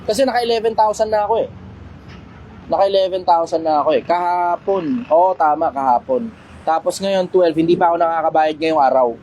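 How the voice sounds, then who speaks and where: A man hosting a casual livestream Q&A, talking bluntly, swearing casually and getting loud when he makes a point. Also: on the high side, a little fast, a little hiss or hum, low-quality recording. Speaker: livestream host answering questions.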